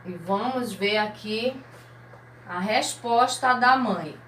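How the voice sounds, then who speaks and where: A Brazilian woman teacher explaining a lesson to young children, slow and patient, step by step. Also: medium pitch, a bit bright, reverberant, slight background noise. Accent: Brazilian Portuguese. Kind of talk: recorded remote lesson for children.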